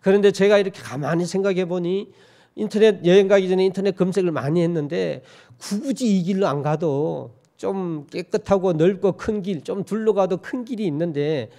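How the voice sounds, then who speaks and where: A male pastor from Korea's Gyeongsang region preaches in a church. His voice sits a little high for a man. He talks in a folksy, joking way and keeps asking the congregation questions. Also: normal speed, warm tone. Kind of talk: sermon. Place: church sanctuary.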